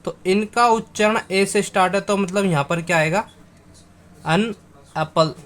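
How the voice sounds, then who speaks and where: A man teaching a grammar lesson, going over words slowly and again and again, spelling them out letter by letter and speaking to viewers as friends. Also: high voice, a bit bright.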